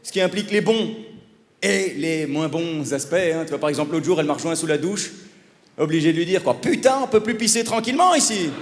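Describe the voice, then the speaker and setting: A man's voice: a little high, brisk. A Belgian man in his thirties doing a stand-up comedy set, brash and mocking, acting out dialogue in funny voices. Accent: Belgian French. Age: 30s. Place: theatre stage before a live audience. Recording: roomy live hall with audience noise.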